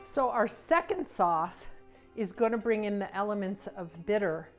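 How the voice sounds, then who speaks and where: A middle-aged woman, an executive chef, demonstrating sauces in a large home kitchen, talking in a relaxed, enthusiastic way with some fillers. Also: medium pitch, a little slow, over loud music. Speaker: cruise line executive chef. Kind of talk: cooking demonstration.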